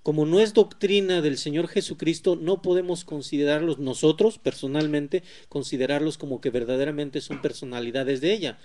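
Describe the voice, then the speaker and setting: A man's voice: a little high, fairly even intonation, a little fast, hardly any pauses, mellow. A man on a religious talk program, agreeing and summing up the points the others have made. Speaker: co-host of a religious discussion program. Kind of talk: casual religious discussion.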